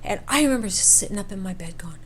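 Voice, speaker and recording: A woman with a mid-range, expressive voice talks fast, with a little hiss or hum in the recording. She casually tells a personal camping story, acting out snippets of dialogue and repeating words for emphasis.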